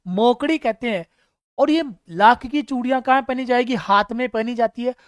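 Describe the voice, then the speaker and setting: A man's voice: very high voice, moderate pace, fairly bright tone, clean tone, dry recording, studio quality. A man teaching a live exam-prep class online, quizzing students, reading out their names and praising them, with funny stories mixed in. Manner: storytelling with humor.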